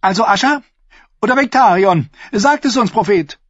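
A high-voiced fat old lord. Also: male voice, expressive, moderate pace, a bit bright, breathy edge, no room sound, heavily acted. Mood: demanding. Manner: high, squeezed questioning voice. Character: fat aging male lord, startled and pressing. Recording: dull lo-fi dry recording.

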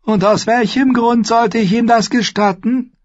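A man's voice: very high voice, fairly even intonation, a little slow, lo-fi sound, voice pushed up. A man voicing a cruel, gloating old lord who cackles and sneers, in an audiobook. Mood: scornful. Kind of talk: audiobook character voice.

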